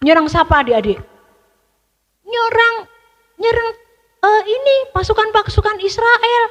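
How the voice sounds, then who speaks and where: A woman telling a story to children in an animated way, asking them questions. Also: very high voice, unhurried, in a large hall.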